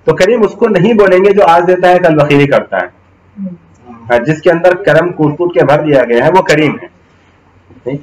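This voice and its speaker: A man's voice: a little high, low-quality recording. A male Islamic studies teacher giving a classroom lecture, explaining Arabic terms, checking in with his students and reciting Quranic verses.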